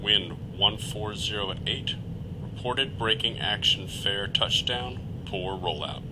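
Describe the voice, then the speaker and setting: A man voicing a male air traffic controller giving a landing clearance, heard as a radio call over a pilot's cockpit headset, in clipped, measured radio phraseology. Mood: matter-of-fact. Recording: distant radio voice with engine rumble.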